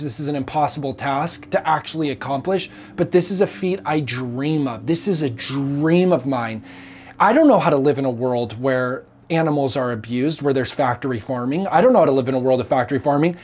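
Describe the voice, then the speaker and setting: A man's voice: a little high, brisk, darkish tone. Earnest man preaching to camera. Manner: earnest, emphatic, gesturing widely. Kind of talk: impassioned teaching to camera. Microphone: lapel mic.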